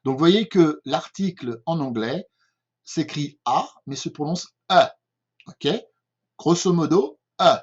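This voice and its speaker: A man's voice: fairly high pitch, lively intonation, measured pace, breathy edge. An older man from France with a French accent, giving a patient home-made language lesson and often checking in with his listeners. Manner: patient, repeats himself, often checks with "d'accord?". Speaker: English teacher. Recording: dull lo-fi recording.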